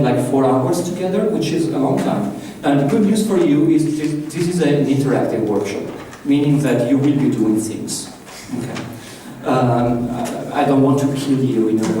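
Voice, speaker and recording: Speaking with an Italian accent, an Italian workshop trainer addresses a live audience casually and invites questions from the room. His voice is mid-range and mellow. The recording, made from far away in a large echoey conference room, has a faint hiss.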